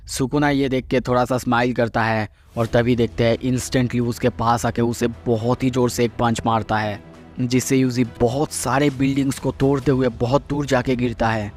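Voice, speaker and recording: A man narrating an anime episode recap in a steady, explanatory storytelling way, mixing English words into his sentences. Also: medium pitch.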